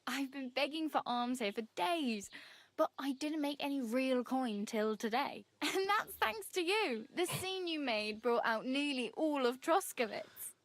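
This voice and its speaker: A woman's voice: high voice, lively intonation, measured pace, dry recording. An actress playing a cheerful, chatty young female wanderer in a game. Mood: friendly. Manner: friendly, chatty, laughs easily.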